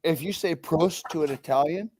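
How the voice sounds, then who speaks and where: A man's voice: on the high side, moderate pace, darkish tone. A man with an Arkansas accent chatting casually, insistent and repeating himself for emphasis. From United States, Arkansas. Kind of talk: casual chat.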